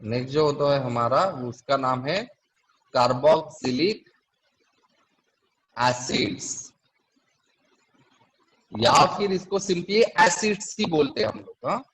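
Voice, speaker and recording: A man's voice: mid-range voice, slow, pauses often, a bit bright, slight background noise, poor audio. A man teaching a chemistry class, explaining step by step and quizzing his students. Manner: asks the class questions often. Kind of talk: classroom lecture.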